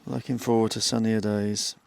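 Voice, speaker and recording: A man's voice: fairly low pitch, little pitch movement, moderate pace, vocal fry, darkish tone. A British man in his fifties chatting casually to viewers in an understated way, as a metal detecting vlogger out in an open field. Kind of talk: casual outdoor vlog narration. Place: outdoors in an open grassy field.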